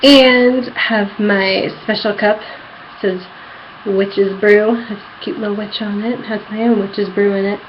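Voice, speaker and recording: In a rambling home vlog shot in her apartment room, a woman chats casually with giddy fangirl excitement. Her medium-pitched voice moves along a little slowly with fairly even intonation. The lo-fi recording sounds dull and carries background noise.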